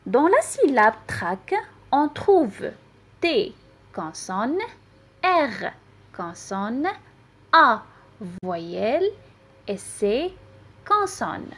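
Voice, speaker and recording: A woman teacher with a Moroccan accent slowly reading and sounding out syllables for young children. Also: on the high side, very animated, slightly rough. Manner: pronounces syllables slowly and distinctly, spelling out letters. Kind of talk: slow, deliberate reading lesson for children.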